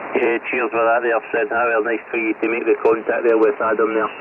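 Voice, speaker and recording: Crackly radio man, flat delivery. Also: medium pitch, brisk. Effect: crackly two-way radio. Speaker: amateur radio net controller. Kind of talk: ham radio procedure with phonetic call signs. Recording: crackly, narrow-band shortwave radio with static.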